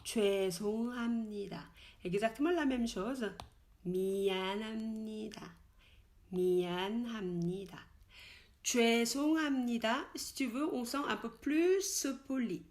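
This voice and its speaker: A woman teaches in French with frequent fillers and restarts. She slowly repeats each expression several times so it can be copied. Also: a little high. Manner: slow, repeated model pronunciations of Korean words. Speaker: Korean language teacher. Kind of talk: casual spoken language lesson.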